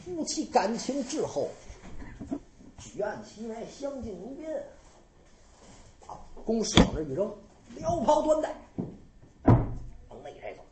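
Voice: mid-range voice, huge pitch swings, a little slow, long pauses, roomy sound. Traditional storyteller, rhythmic, theatrical, faint hiss.

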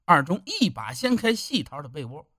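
A man's voice: on the high side, huge pitch swings, normal speed, fairly bright tone, dry recording, studio quality. A man narrating a village story in an emphatic storytelling manner. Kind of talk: audiobook narration.

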